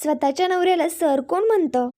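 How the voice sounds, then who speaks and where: A woman's voice: very high voice, fairly quick, mellow. A woman reading a sly scheming young woman.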